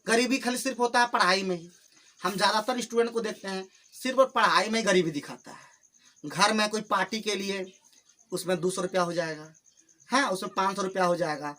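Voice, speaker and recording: This is a spoken English lesson taught in Hindi by a slow, patient male teacher whose high voice comes across pushed and bright. He explains things over and over and addresses the students in the classroom fondly. A camera captured it, with no microphone used.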